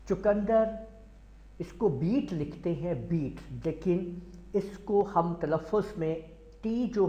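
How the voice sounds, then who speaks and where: A man with a Pakistani accent teaching a slow classroom lecture, repeating each word several times and spelling it out letter by letter. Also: on the high side, darkish tone. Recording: echoey room, dull lo-fi sound.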